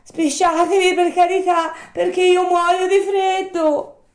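A woman voicing a wooden puppet boy who is desperate and impatient, crying out in shrill pleas. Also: level tone, slow pace. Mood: pleading. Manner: shrill pleading cries. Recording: roomy echo.

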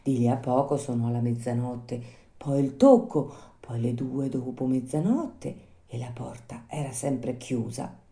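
A woman reading a children's story aloud, with expressive, lively storytelling. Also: extremely low pitch, unhurried, vocal fry. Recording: roomy echo.

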